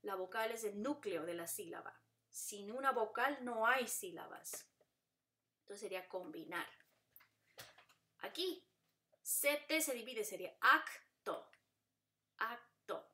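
Patient female teacher, bright tone, repetitive drilling delivery, occasional English asides. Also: a little high, lively intonation, unhurried. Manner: patient, repeats patterns, switches to English to explain. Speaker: Spanish teacher. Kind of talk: classroom lesson.

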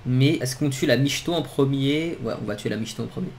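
A young man giving casual gameplay commentary, talking straight to his viewers and getting excited. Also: medium pitch, a little fast, slight background noise. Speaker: gaming YouTuber.

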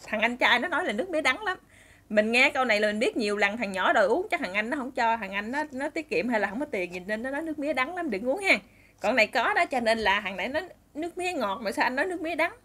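A woman's voice: fairly high pitch, animated, quick pace, sharp tone. A woman with a Southern Vietnamese accent telling a story in a chatty way, addressing her listeners directly.

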